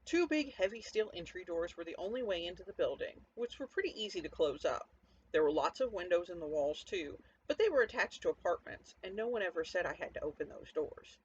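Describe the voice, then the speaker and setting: Through muffled, lo-fi audio with faint background noise, a narrator recounts a zombie-apocalypse survival tale in the first person, playing a sardonic, hardened survivor who addresses the listener. His natural middling-pitched voice is conversational, cynical, and defiant, wry and brooding, with lively intonation and a slightly fast pace.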